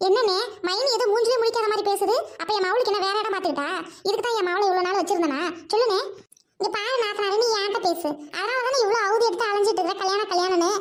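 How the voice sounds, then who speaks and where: Squeaky sped-up village lady , a woman doing her, nagging and picking fights nonstop. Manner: nagging, taunting, argumentative. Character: sharp-tongued village sister-in-law, quarrelsome. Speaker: skit performer playing several roles. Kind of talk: comic family quarrel skit.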